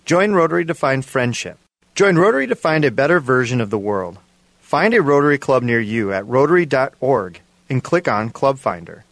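A man reads a scripted promo, stressing each slogan. His pitch moves a lot and the recording is dry and close. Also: lively intonation, normal speed, fairly bright tone, no room sound. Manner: slogan-like, emphatic. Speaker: promo announcer.

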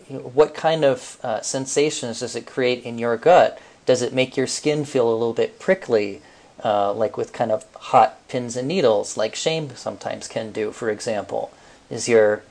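Man calmly teaching a mental technique. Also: medium pitch. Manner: explains step by step, relaxed with frequent fillers. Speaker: podcast co-host. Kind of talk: casual teaching talk.

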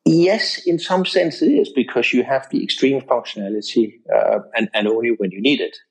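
A man in his fifties from Denmark, a guest on an interview podcast, speaking in a measured, hesitant way with many fillers. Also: mid-range voice, poor audio. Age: 50s. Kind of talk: casual interview.

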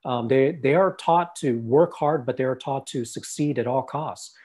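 A husky-voiced man from the United States, talking in a middle-pitched voice as co-host of a faith discussion. He is earnest and often repeats his opening words as he gets going. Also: moderate pace, a little mellow. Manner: earnest, stammering repetitions.

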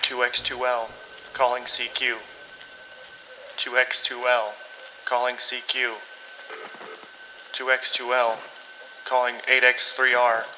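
An actor playing a lone ham radio operator, slowly repeating call signs over the air. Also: male voice, mid-range voice, completely flat delivery, sharp tone, slight background noise, poor audio.

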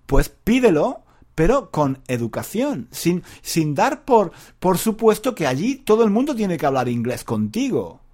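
Guy from spain rambling on his podcast, fairly high voice that jumps around a lot, keeps tacking on little question tags. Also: darkish tone. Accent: Spain Spanish. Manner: rambling, self-correcting, with frequent rhetorical tags. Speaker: podcast host. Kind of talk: casual podcast monologue.

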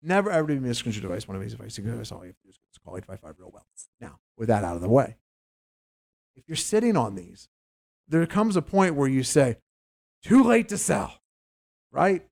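A man's voice: mid-range voice, very animated, fast, creaky, a little mellow. A man hosting a casual investing talk show, rambling and stumbling over his words as he jumps between topics. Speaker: host.

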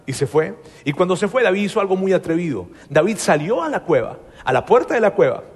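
Preacher, male, high voice, chatty storytelling sermon in a reverberant hall. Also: a little fast, breathy edge. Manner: lively, colloquial, with many restarts and asides to listeners.

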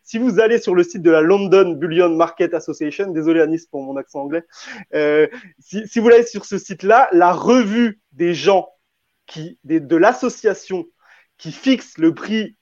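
A man's voice: high-pitched, expressive, moderate pace, darkish tone, no echo. A man arguing in a debate, hesitant, often restarting and repeating words. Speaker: debate panelist. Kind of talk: spontaneous debate argument. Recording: dull, dry lo-fi audio.

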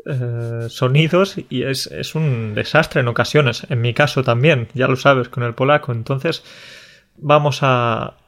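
A man's voice: mid-range voice, fairly even intonation, a little slow, a bit bright. Playful man co-hosting a podcast. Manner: friendly teasing, playful. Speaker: podcast co-host. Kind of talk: casual chat about Spanish loanwords.

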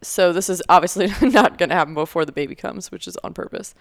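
A woman's voice: on the low side, fast, creaky, no room sound, clean studio sound. A young woman co-hosting a podcast, chatting casually with lots of fillers and easy laughter. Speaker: podcast co-host. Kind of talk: casual chat.

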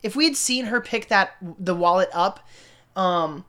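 Co-hosting a fan podcast, this woman has a medium pitch, an unhurried delivery, and a fairly bright tone. Her talk is loose, eager millennial chatter, with "like" turning up again and again.

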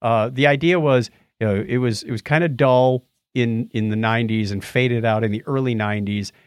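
A middle-aged or older man co-hosts a podcast of loose movie and book reviews, wandering off track and struggling to recall names. His mid-range voice has a clean tone and fairly even intonation at a moderate pace, recorded in a clean studio with no room sound.

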